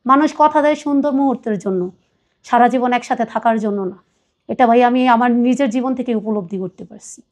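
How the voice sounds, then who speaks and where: Woman, high voice, earnest, pleading tone, personal confession. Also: fairly quick. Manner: earnest, pleading, quotes others at length. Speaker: guest telling her life story.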